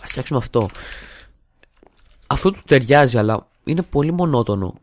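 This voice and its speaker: A man's voice: mid-range voice, lively intonation, dry recording. A young man hosting a gaming video in casual, jokey commentary, rambling, muttering and humming to himself while he builds, recorded on a desktop mic at home. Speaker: gaming channel host. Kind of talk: casual let's-play commentary. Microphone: desktop studio mic.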